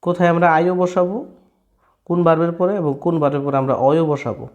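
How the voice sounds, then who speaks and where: A man teaching in a relaxed, spoken way. His voice sits somewhat high. He repeats and rephrases every point slowly and keeps checking that his listeners follow. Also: muffled recording. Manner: checks in often with "clear, brother?". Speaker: language teacher. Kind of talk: casual spoken lesson.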